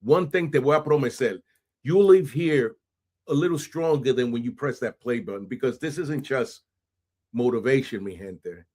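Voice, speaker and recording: A man hosting a podcast, energetic and hype, sprinkling in Spanish phrases and frequent "right?". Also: medium pitch, moderate pace. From New York City. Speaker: podcast host. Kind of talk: animated podcast intro and interview.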